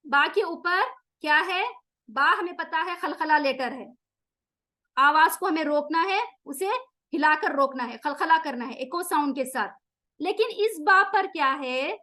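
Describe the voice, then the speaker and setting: High-voiced woman teaching recitation slowly. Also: pushed and bright. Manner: explains rules, then slowly chants words to demonstrate. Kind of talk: tajweed lesson with slow recitation.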